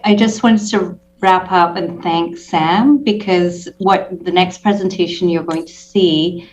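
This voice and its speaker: A woman makes formal remarks in a committee meeting. Her voice is fairly low and very even, recorded on dull audio with a faint hum.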